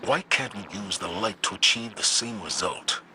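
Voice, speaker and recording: Stern, wary military commander. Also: male voice, fairly low pitch, a little slow. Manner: serious, authoritative. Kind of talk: video game character acting. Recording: loud noise over game dialogue.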